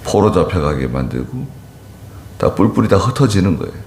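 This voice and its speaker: A man with a fairly low voice delivers an expository sermon in a church sanctuary. He reads scripture and then unpacks it slowly, turning to ask the congregation questions. The room gives his voice a noticeable echo. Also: sing-song, darkish tone, a little hiss or hum. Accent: Gyeongsang-Chungcheong border dialect roots. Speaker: pastor.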